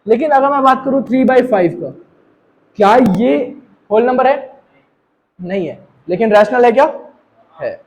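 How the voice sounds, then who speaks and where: An animated Indian teacher with an extremely high voice walks students through maths in Hindi, using English terms and directly checking whether they understand. He speaks a little slowly, pauses often, and is heard on a rough recording.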